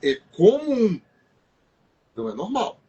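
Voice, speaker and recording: Emphatic host with a lively voice. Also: male voice, sits high, slow, husky, lo-fi sound. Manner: emphatic, repeats key phrases. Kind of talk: live-stream talk.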